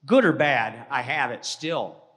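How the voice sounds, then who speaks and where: A man from Georgia telling a personal story to an audience, animated, often dropping to a hush, with many restarts. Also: medium pitch, measured pace. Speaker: speaker at a presentation. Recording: long hall reverb.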